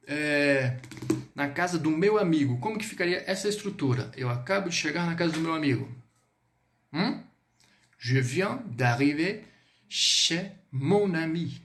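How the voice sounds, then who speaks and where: A man with a Brazilian Portuguese accent teaching a French lesson online, lively and spelling words out slowly. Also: a little high. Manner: lively, drills words slowly, switches between two languages.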